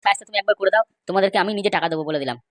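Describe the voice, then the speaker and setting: A woman speaks very fast at a medium pitch in her natural voice, with no room sound. She plays a scheming, aggrieved male villager in an amateur comedy cartoon, complaining indignantly in an emphatic, gossipy way.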